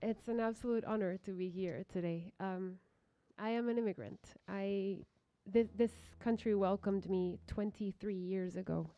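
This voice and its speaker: A woman from Guatemala with a Guatemalan accent, a singer and guitarist speaking to an audience between songs in a halting, heartfelt way with restarts. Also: mid-range voice, fairly even intonation. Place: large indoor reception hall. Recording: dull sound with guitar music behind.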